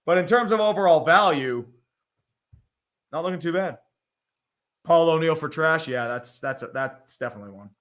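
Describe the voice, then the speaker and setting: A man's voice: a little high, animated, moderate pace, pauses often, a bit bright. A man co-hosting a live stream, talking about sports trades in a blunt, profane, rambling way. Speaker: co-host. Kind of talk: casual live-stream chat.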